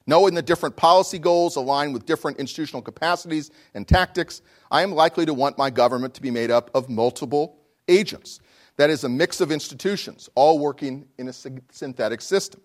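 A man lecturing as a law professor, reading a prepared text in an erudite, formal manner with deliberate phrasing and rhetorical questions. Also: a little high.

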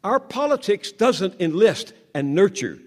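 Big swings in pitch mark the speech of this man in his 70s, a Southern American journalist. He speaks in a measured way, pausing dramatically and sinking into a low hush.

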